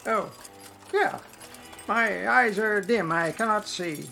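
Woman playing a shrill old prospector. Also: slow, vocal fry, sharp tone, soft background music, full character voice. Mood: grumbling, cantankerous. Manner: old prospector's folksy, rustic Western talk. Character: cantankerous, lecherous old prospector, male, feeble-eyed. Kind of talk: comic Western audio drama acting.

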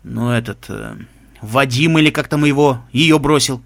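A man reading aloud and voicing a gruff, teasing middle-aged stepfather who speaks in a lazy drawl. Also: mid-range voice, normal speed, a bit bright.

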